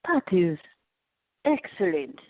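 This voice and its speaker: A woman's voice: fairly low pitch, very animated, slow, no room sound. A woman hosting an interview, effusive and affirming, welcoming her guest at length. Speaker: podcast host. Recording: tinny phone-line audio, dry.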